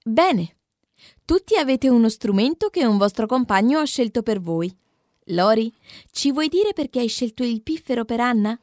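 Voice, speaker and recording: A woman voicing a patient female schoolteacher who speaks in a gentle, coaxing way. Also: on the high side, animated, normal speed, no echo, clean studio sound, lightly acted.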